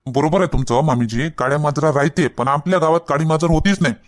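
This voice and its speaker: A man with a Varhadi Marathi accent, playing a blunt, gruff husband in a village comedy skit. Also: fairly high pitch, quick pace. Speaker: husband and father in a comedy sketch. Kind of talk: scripted comedy skit dialogue.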